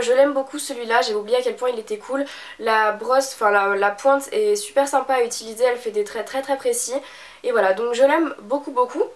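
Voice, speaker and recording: A young woman from France, a beauty vlogger with a stuffy nose, chatting casually with many fillers and restarts. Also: a little high. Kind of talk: casual chat.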